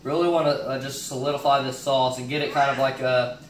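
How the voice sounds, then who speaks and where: With a medium pitch, flat delivery, and a slightly fast pace, a young man narrates his meal prep in a home kitchen. This fitness cooking vlogger keeps it casual, thinking aloud and using many fillers. A distant camera on a stand picks him up, so it sounds echoey and noisy.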